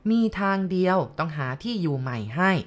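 An unhurried elderly Chinese man who weighs every word and keeps a calm, low voice, as a woman reads him aloud. He speaks like a quiet spirit medium giving plain advice in a spoken ghost story. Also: close to an everyday voice. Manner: speaks slowly and deliberately.

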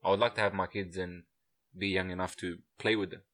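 Laid-back man in his twenties, low voice. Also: little pitch movement, fairly quick, fairly bright tone. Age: 20s. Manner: laid-back, laughs often, says "bro" and "you know". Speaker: podcast co-host. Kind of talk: casual chat.

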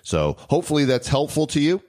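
A man's voice: on the high side, very animated, fast, darkish tone. A man co-hosting a casual podcast with dry, wisecracking asides who also reads out a legal disclaimer. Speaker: podcast co-host.

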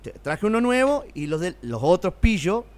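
A middle-aged man with an Argentine accent, a circus owner telling lively stories in a casual interview. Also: sits high. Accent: Argentine Spanish. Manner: animated, rapid storytelling. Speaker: circus owner and former announcer.

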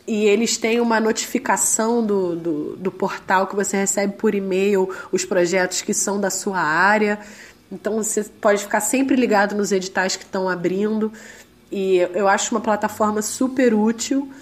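A Brazilian Portuguese-speaking woman giving a conversational interview, her voice hoarse and duck-like as she recovers from laryngitis. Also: medium pitch, fairly even intonation, moderate pace. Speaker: interviewee, independent musician.

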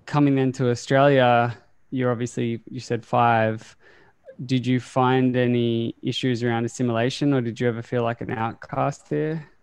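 Male interviewer, crisp and level delivery, conversational, reflective and probing. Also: mid-range voice, flat delivery, normal speed, no room sound. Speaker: interviewer, podcast host.

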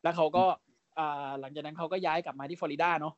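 A man in his thirties co-hosting a casual podcast chat, brash and animated, swearing freely and slipping in quick mock impressions. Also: fairly high pitch, no room sound, muffled recording. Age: 30s. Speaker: podcast co-host.

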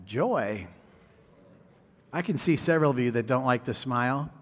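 A man's voice: mid-range voice, animated, moderate pace, big-room sound. A man preaching a sermon, joking with the congregation, mimicking people and breaking into snatches of songs. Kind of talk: sermon with storytelling. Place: church hall.

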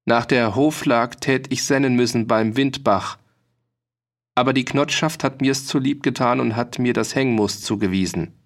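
A stubborn, sturdy old farmer, voiced by a man reading a storybook aloud. He talks in measured, earnest rustic phrases with a middling pitch. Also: close to an everyday voice.

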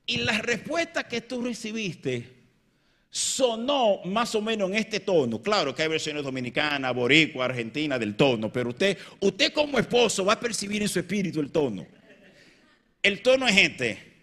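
A man preaching a sermon, swinging between loud emphatic peaks and quiet low passages and joking with his congregation. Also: big pitch swings, moderate pace. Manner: jokes and banters with the congregation.

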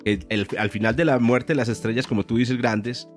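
Man hosting, medium-pitched voice. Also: fairly even intonation, normal speed, soft background music. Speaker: podcast host, physics professor. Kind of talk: casual, educational science chat.

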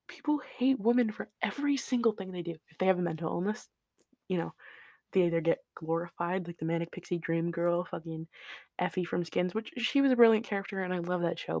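A man's voice: fairly high pitch, vocal fry, darkish tone, no echo. A man hosting his own solo podcast, talking casually in a rambling, tangent-prone way with lots of "like" and "um" and some swearing, into his home microphone. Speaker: podcast host.

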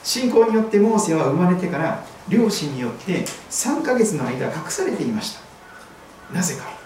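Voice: medium pitch, big pitch swings, normal speed, darkish tone, a little hiss or hum. A pastor giving a sermon, telling a scripture story vividly. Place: church hall. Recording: very echoey hall, voice far from mic.

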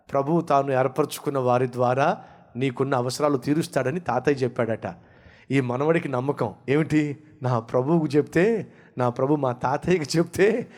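A man preaching as a pastor, then praying, using rhetorical questions and emphatic repetition with rising and falling delivery. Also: fairly high pitch. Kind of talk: sermon and prayer.

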